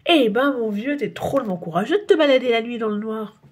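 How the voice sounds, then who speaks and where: Lady doing a slow amazed little kid, high n airy, kids audiobook. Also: animated, husky. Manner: drawling, amazed. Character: slow, wide-eyed little boy.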